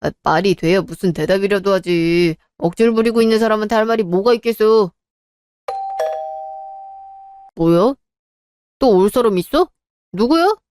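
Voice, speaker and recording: A woman's voice: mid-range voice, expressive, brisk, darkish tone, dry recording, lightly acted. A woman voicing a younger married man who argues back with indignant retorts. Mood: exasperated. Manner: argumentative, exasperated retorts. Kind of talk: dramatized story reading.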